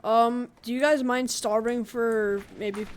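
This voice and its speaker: A woman giving casual let's-play commentary with hiccups, chatting to the game's creatures with sudden excited outbursts. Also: a little high, slow, slight background noise.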